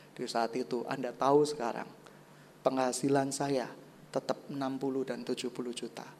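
A preacher from Kediri in East Java gives a sermon, swinging between loud, excited exclamations and soft, low passages and often calling the congregation brothers and sisters. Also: a little hiss or hum. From Kediri, East Java, Indonesia.

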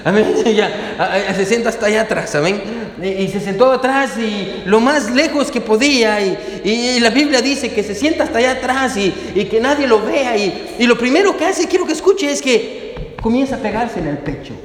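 A male pastor preaches with fervent drive, often breaking into small chuckles as he addresses his congregation. His voice sits high for a man. The sermon rings through a roomy church hall with a long, trailing reverb. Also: expressive, moderate pace. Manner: fervent, repeats "hermano" and "amén", chuckles often.

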